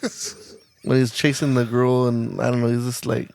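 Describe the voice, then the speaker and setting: A man's voice: medium pitch, flat delivery, moderate pace, gravelly, a little mellow, dry recording, studio quality. A married man co-hosting a podcast, chatting casually and rambling with many "like"s and restarts. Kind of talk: casual chat.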